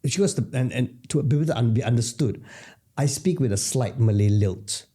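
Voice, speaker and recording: A man from Singapore hosts a casual podcast conversation, rambling and chatty and tossing in jokey asides. His mid-range voice is expressive, warm and husky, moving at a fairly quick clip.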